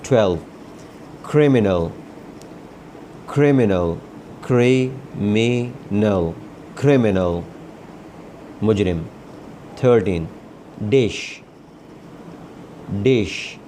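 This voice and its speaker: A man whose first language is Urdu, teaching an English lesson. He repeats each word slowly several times and then gives its meaning. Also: lowish voice, mellow, a little hiss or hum. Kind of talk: slow vocabulary and grammar lesson.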